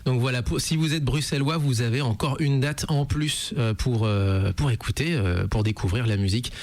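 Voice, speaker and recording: A man hosts a radio show, reading out dates with frequent pauses and fillers. His voice sits at a middle pitch. The studio sound is dry and close. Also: darkish tone, no room sound. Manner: friendly, hesitant, many fillers. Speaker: radio host. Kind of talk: radio interview.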